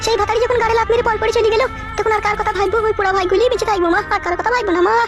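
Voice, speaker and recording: A woman voicing village women in a comedy cartoon, shrill, scolding and lamenting. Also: steady tone, racing, music in the background.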